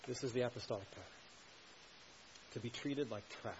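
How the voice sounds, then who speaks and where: A man's voice: medium pitch, fairly quick, a little mellow. Man, pastor, earnest sermon, emphatic questions, slightly dull sound, faint hiss.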